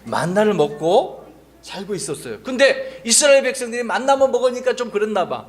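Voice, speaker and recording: A male pastor giving a children's sermon in church, lively and coaxing, talking straight to the kids. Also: high voice, fairly quick.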